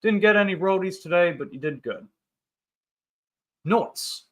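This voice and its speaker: A thirty-year-old man hosts a casual livestream, reading and answering viewer comments in rambling, upbeat banter. His voice is high with lively intonation, and he speaks a little slowly.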